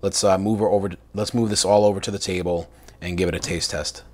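A man's voice: sits low, fairly even intonation, quick pace, darkish tone, a little hiss or hum. A young adult man hosting a casual cooking vlog from his home kitchen, chatty and enthusiastic with lots of fillers. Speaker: cooking channel host.

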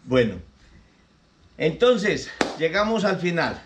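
A man's voice: fairly high pitch, very animated, slow pace, background noise. A man hosting a local show, sending greetings and telling corny jokes he laughs at himself. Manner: chuckles at his own bad jokes. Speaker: host.

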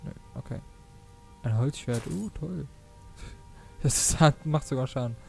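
A man commentates on a video game in a casual, jokey way, slipping English slang into his talk. His pitch is ordinary for a man, and game music plays softly behind him. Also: slow, gravelly. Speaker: let's player.

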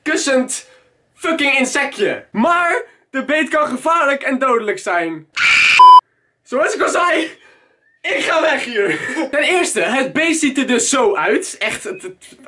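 A young man with a Dutch accent, vlogging casually in a jokey, animated way and swearing often. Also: very high voice, slow pace, long pauses, very noisy. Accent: Dutch (Netherlands). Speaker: YouTuber. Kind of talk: casual vlog. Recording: background music under the voice.

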